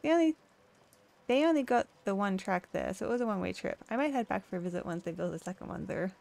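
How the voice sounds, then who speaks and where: A woman's voice: medium pitch, lively intonation, fast, creaky, a little mellow. A woman voicing a cheerful, easygoing drifter man with a folksy drawl. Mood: joking.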